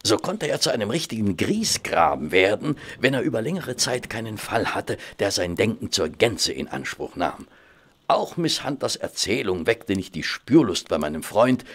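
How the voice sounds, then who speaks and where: In a German radio play, an actor portrays a courteous, kindly gentleman doctor who speaks in a measured, considerate way. His fairly low, husky voice is a full character performance.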